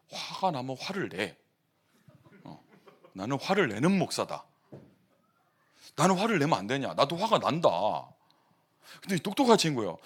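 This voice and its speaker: A man preaching as pastor, telling stories in an animated, quick-tempered way with laughing asides. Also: mid-range voice. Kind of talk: sermon.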